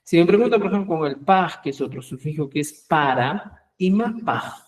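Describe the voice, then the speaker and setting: In a live online language class, a man with a fairly high, expressive voice repeats each example phrase slowly and checks in with his students. His phrases often trail off softly at the end, and the recording quality is low.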